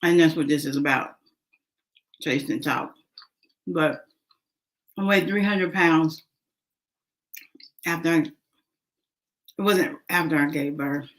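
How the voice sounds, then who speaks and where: A woman speaks in a low, relaxed voice, taking her time. She chats casually to her viewers, filling pauses with ums and uhs. She talks while eating. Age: adult, mother of a son. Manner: chatty, eats while talking, many fillers. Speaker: vlogger. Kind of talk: casual eating and talking vlog.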